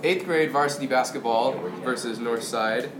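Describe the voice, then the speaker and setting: Speaking at normal speed in a mid-range voice, a man hosts casual scripted school announcements, adding ad-libs and fixing his own slips along the way. Crowd noise and other clear background sound fill the echoey room.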